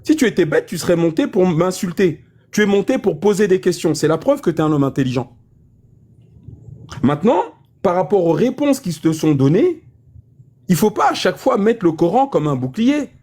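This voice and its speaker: Insistent high-voiced man lecturing. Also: sing-song, moderate pace, darkish tone. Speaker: debate speaker. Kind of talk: heated public debate.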